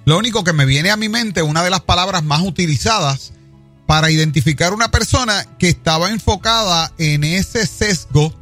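Reflective male co-host on a faith talk show, high-pitched, music faintly underneath. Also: normal speed, fairly bright tone.

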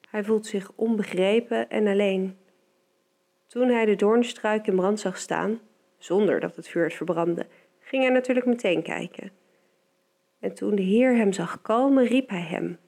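Calm woman with a gravelly voice. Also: mid-range voice. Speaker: devotional speaker. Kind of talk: reflective Bible meditation.

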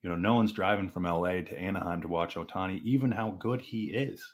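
A man co-hosting a podcast, chatting casually about sports with lively restarts. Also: low-pitched. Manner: animated, fast back-and-forth with restarts. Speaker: podcast co-host.

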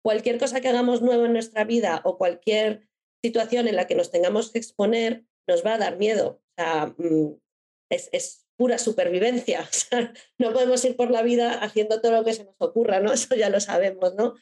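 A woman's voice: on the high side, fairly quick, warm tone. A middle-aged woman in a casual conversation, explaining ideas through examples and briefly voicing an inner critical voice. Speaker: guest speaker.

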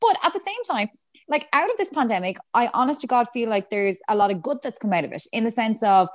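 A woman's voice: a little high, expressive, fast. Chatty woman with a west of Ireland accent. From Galway, west of Ireland. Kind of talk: casual chat.

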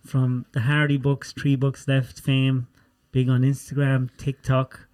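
A man with an Irish accent and a medium-pitched voice hosts a casual interview. His talk is informal and colloquial, like a chat between acquaintances. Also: completely flat delivery, unhurried, darkish tone. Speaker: podcast host.

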